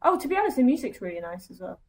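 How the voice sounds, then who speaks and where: Chatty, slightly high-voiced woman co-host. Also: big pitch swings, very fast, darkish tone, low-quality recording. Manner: chatty, enthusiastic, filler-heavy. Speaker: podcast co-host. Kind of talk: casual gaming podcast chat.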